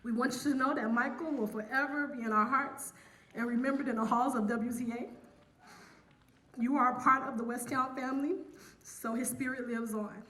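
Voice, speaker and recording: A woman, an academic dean, giving a formal memorial tribute in a measured, solemn manner. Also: a little high, steady tone, sharp tone. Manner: measured, solemn prepared reading.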